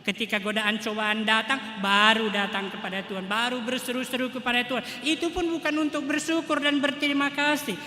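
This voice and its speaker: Priest preaching in an echoey church. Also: male voice, very high voice, flat delivery, fairly quick, few pauses, sharp tone. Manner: emphatic preaching, tag 'toh' often. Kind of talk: sermon. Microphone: livestream mic in church. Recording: echoey church hall, faint noise.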